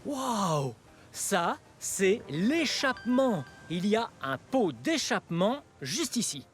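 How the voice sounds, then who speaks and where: Amazed and excited, a cheerful, wide-eyed children's show host with a medium-pitched voice presents educational material to young children at a very unhurried pace. The playful adult's intonation is hugely animated and exclamatory, packed with exaggerated wonder, simple explanations, and frequent giggles and gasps, with music behind the voice.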